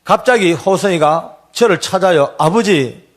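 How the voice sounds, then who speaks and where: A man's voice: sing-song, a little fast. Earnest older man giving a testimony. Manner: earnest, deeply emotional storytelling. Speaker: church elder giving testimony. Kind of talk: emotional testimony sermon.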